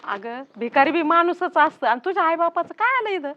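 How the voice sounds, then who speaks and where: A meek, exhausted mother-in-law, played by a woman in a family drama. She speaks fairly high and softly, pleading more than arguing. The sound is slightly dull. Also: expressive, fairly quick. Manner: pleading, tired, soft-spoken. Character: weary, meek older village mother-in-law. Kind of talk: village family drama acting.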